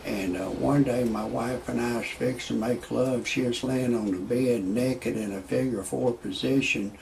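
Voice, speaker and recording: A gravelly, slightly mellow mid-range voice belongs to a video blogger, a man in his sixties speaking at a moderate pace over poor audio with a bit of hiss or hum. He rambles and repeats words while hunting for his point, offering opinions first and then moving into stand-up jokes.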